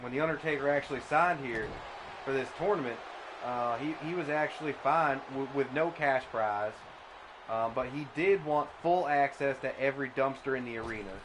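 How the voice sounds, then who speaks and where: A man doing comedic mock wrestling commentary, deadpan and absurd, often stammering into restarts. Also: mid-range voice, normal speed. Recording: noisy background.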